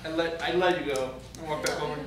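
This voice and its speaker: Quiet deliberate player, far from mic, big echo and noise. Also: fairly even intonation. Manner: soft, low-key, deliberate. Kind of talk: tabletop role-play chat. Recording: echoey room from far off with noise.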